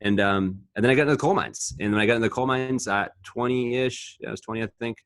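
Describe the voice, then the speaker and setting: A man's voice: medium pitch, fast, no echo. A man in his twenties, a podcast co-host and powerlifter, telling rambling, profane stories in casual chat.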